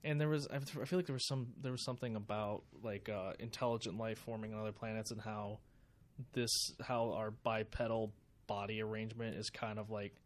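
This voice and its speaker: A man's voice: fairly low pitch, flat delivery, fairly quick. A man co-hosting a casual podcast, joking around and rambling, restarting his sentences often. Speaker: podcast host. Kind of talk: casual chat. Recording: faint background noise.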